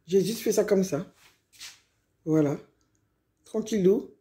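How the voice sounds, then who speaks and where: A hoarse, middle-aged woman from Guadeloupe chatting casually in a vlog, rambling and often wrapping up her points. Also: medium pitch, slow, warm tone. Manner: chatty and rambling, often sums up with "donc voilà". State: hoarse from illness. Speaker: vlogger.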